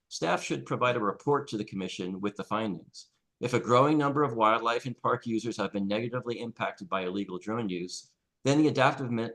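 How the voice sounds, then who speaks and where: A man's voice: fairly low pitch, a bit bright, poor audio. A man giving formal prepared testimony to a commission, reading steadily from his remarks, calling in remotely. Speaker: public commenter for a conservation group.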